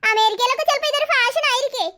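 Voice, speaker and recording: A harried mother grumbles about her chores and bosses her husband around, voiced by a cartoon voice actor. The voice is very high and bright, and it moves at a quick clip. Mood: alarmed. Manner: complaining, bossy. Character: busy mother, harried and sharp-tongued. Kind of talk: cartoon voice acting.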